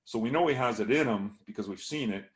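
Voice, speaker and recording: This man talks fast at a medium pitch, offering a scout's casual hockey analysis for a podcast. Hoarseness from a failing voice creeps in, along with plenty of fillers.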